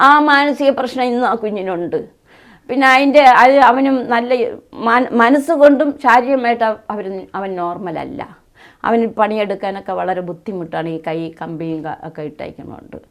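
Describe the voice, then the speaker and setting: A woman's voice: a little high, moderate pace, vocal fry. A middle-aged woman, a bereaved mother giving a tearful, pleading interview. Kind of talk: emotional interview testimony.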